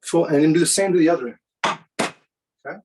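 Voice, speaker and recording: A man presenting a live cooking demonstration for students, in a relaxed, chatty way with many fillers. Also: a little high, fast, distant mic, low-quality recording.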